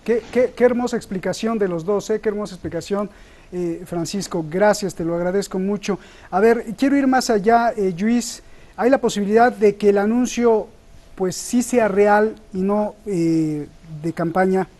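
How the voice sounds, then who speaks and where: A man's voice: high-pitched, moderate pace, darkish tone. A man hosting a talk show, courteously thanking guests and posing long questions. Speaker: host.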